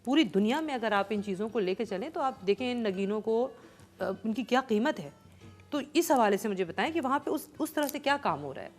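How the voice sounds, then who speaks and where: A woman hosting a studio talk show, in a chatty, expressive way. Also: fairly high pitch, a little fast, faint music behind. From Pakistan. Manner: chatty and expressive, excited storytelling.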